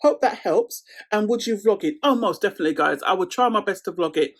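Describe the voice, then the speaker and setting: A woman's voice: medium pitch, lively intonation, a little fast. A woman in her thirties from London with a London accent, chatting casually to camera in a Q&A vlog and laughing often. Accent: London English. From London, England. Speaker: vlogger.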